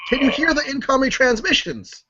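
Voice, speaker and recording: A man playing an earnest, flustered military aide in improv comedy, insistent and repeating himself haltingly. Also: very high voice, bright, forceful tone, muffled recording. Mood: urgent, insistent.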